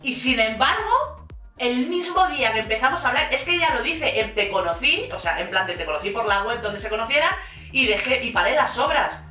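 Slangy Spanish woman, bright echoey voice. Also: on the high side, expressive, brisk, soft background music. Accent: Spain Spanish. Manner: slangy, exasperated, sarcastic. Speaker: reality TV commentator. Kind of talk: casual recap commentary. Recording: echoey room, mic at a distance.

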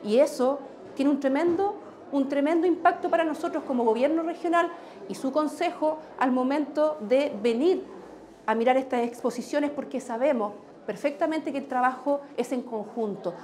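A woman's voice: high-pitched, moderate pace, a little mellow. A woman in her thirties, a regional government official, speaking articulately in a news interview with some fillers. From Chile. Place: indoor exhibition room.

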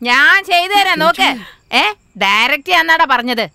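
Bossy, teasing older sister type, very high and bright, film dub. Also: female voice, animated, moderate pace, gravelly, no echo, heavily acted. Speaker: senior woman directing a mock scene.

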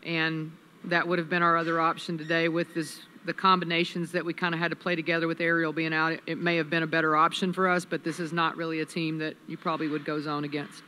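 A woman in her fifties, a head coach at a postgame press conference, speaking in a measured, analytical way into a table microphone. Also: low voice, little pitch movement, sharp tone, a little hiss or hum. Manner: measured, analytical, many restarts. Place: press room with sponsor backdrop. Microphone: table mic on a stand.

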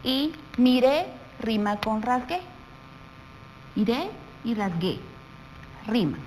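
A woman teacher with a Guatemalan Spanish accent, explaining a lesson to young pupils slowly and patiently, often asking them questions. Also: on the high side, very animated, darkish tone, a little hiss or hum, low-quality recording. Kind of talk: televised primary school lesson.

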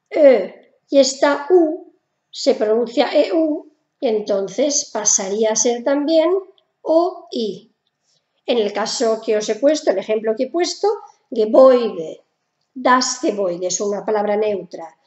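A woman's voice: on the high side, expressive, unhurried, dark tone, roomy sound, muffled recording. A woman with a Spanish accent from Spain teaching German pronunciation in a casual video lesson, patient and repeating each sound.

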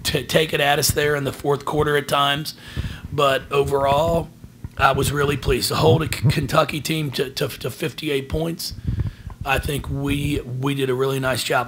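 A man in his forties, a basketball head coach, answering questions at a post-game press conference from behind a table microphone, earnest and halting, often restarting his words. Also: medium pitch, creaky, noisy background. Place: press room in front of a team backdrop. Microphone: table microphone in front of him.

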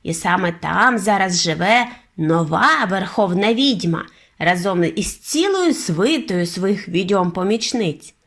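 A woman reading an audiobook and voicing an elderly grandmother who speaks calmly and deliberately. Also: mid-range voice. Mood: measured. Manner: measured, unhurried, knowing. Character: calm, determined elderly grandmother.

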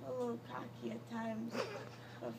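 A young woman groggy from anesthesia, rambling boastfully and casually in drawn-out words from a hospital bed. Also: fairly high pitch, flat delivery, vocal fry, a little mellow. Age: young adult. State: groggy from anesthesia after surgery. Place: small hospital recovery room, lying in bed. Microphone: handheld phone a short way off. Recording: noisy handheld phone recording.

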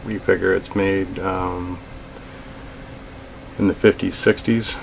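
Middle-aged man, deep and rough-edged, unhurried casual vlog delivery with a faint room hum behind. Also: rough recording. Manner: relaxed, plain-spoken, with frequent fillers. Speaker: outdoors vlogger. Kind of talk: casual gear talk to camera. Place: small indoor room with shelves of gear.

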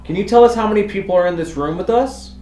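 A man's voice: high voice, fast talker, mellow, slight background noise. A man talking casually on a paranormal investigation vlog. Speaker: ghost hunter. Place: large dark dining room. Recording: echoey room, music underneath.

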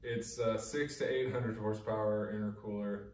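A man in his thirties vlogging casually while unboxing car parts in his home garage, chatty and jokey, thinking out loud. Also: fairly low pitch, fairly even intonation, moderate pace, recorded from a distance. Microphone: camera mic from across the room. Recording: roomy garage echo from off-mic.

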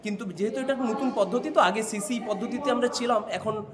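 A man, a school teacher, explaining in an on-site news interview, pausing often on fillers as he goes. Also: extremely high pitch, crowd noise. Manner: explanatory, with frequent hesitant fillers. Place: school during a training event.

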